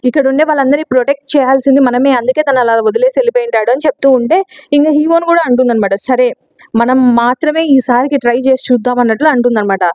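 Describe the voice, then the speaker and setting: Woman, high voice, quick chatty recap narration, dry close mic. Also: a little mellow, no room sound. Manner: rapid chatty retelling with quoted lines. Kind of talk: casual storytelling recap.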